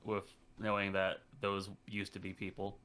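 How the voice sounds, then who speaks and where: A man at a tabletop game with a bright, somewhat low voice. He talks his way through his character's thoughts in a loose, relaxed manner. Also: moderate pace. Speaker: player. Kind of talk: casual tabletop play.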